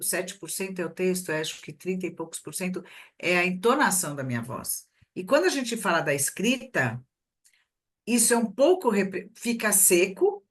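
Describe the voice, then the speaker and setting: In a relaxed conversational interview, a middle-aged woman appearing as a guest expert discusses workplace communication, illustrating her ideas with everyday examples. She speaks at a medium pitch.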